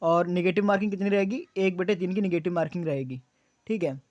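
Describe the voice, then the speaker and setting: High-voiced man explaining exam rules. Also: fast, darkish tone, dry recording, muffled recording. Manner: repeats key points as questions and answers; frequent fillers. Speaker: exam coaching YouTuber. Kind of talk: explaining exam details to students.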